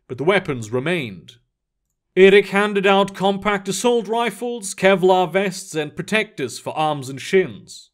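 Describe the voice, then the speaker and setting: A man narrating a science-fiction story in a steady, expressive reading. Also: on the high side.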